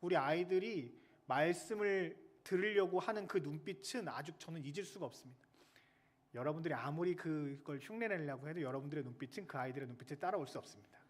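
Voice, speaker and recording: High-voiced male chaplain, lively sermon, chats with the kids in the pews. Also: brisk. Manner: lively, chatty, jokes with the children in the pews. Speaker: military chaplain pastor.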